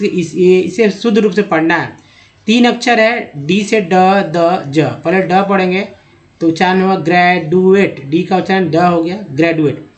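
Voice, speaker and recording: Guy with a high voice going through english spelling slides, says each letter slowly, keeps asking you questions. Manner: spells letters aloud and asks the viewer questions. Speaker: English teacher. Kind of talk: slide-based pronunciation lesson.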